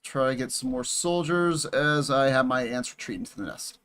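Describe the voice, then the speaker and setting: A young man giving casual, excitable commentary over a strategy game, swearing and chatting with viewers. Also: mid-range voice, normal speed, clean tone. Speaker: gaming YouTuber.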